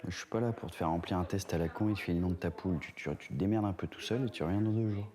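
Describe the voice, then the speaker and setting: A gruff adviser, blunt and bossy, with crude slang thrown in. A man plays him with a very deep voice and a rapid pace. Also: mellow, close to an everyday voice. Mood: brusque. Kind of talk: film drama dialogue.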